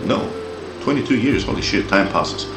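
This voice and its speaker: Loud music backs a reverberant clip of a fairly low-pitched, expressive man at normal speed. He's in his forties, from Greece but raised in Australia, with a Greek-Australian accent, and rants heatedly as an opinion commentator, cursing and repeating words when riled.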